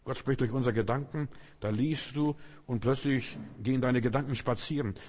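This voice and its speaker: A man's voice: medium pitch, steady tone, moderate pace, darkish tone, long reverb tail. A man preaching a sermon in short, repeated phrases, speaking straight to each listener.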